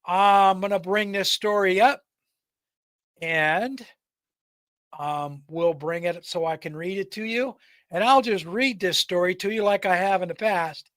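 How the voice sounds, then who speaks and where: Male storyteller, high pitch, scripted podcast narration, occasional stumbles and repeats, very dry close recording. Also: a little slow, a bit bright, no echo. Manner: stumbles and repeats words while reading. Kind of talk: scripted narration, reading a folk tale.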